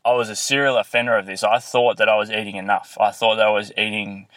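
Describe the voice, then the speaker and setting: A man hosting a fitness podcast, explaining and coaching earnestly, recorded with low audio quality on a built-in laptop microphone. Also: level tone, fast, a bit bright, dry recording. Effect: low quality audio from a built-in laptop mic. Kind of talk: solo podcast, instructional talk.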